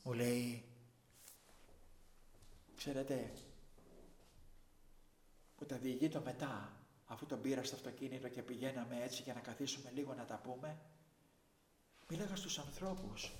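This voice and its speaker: A man's voice: mid-range voice, long pauses. Passionate male preacher in an echoey room. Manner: passionate preaching that swings from hushed to shouting. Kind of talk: sermon.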